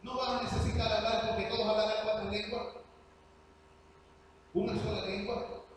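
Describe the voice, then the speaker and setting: A man preaching a sermon in church, earnest and emphatic, moving between soft passages and loud ones. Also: high-pitched, level tone, moderate pace. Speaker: pastor. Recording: echoey church hall, distant mic, hum.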